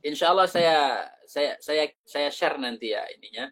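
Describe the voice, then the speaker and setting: A man's voice: a little high, lively intonation, a bit bright. Man teaching Quran pronunciation. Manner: explains slowly, demonstrating Arabic sounds then translating into Indonesian. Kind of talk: teaching Arabic letter pronunciation.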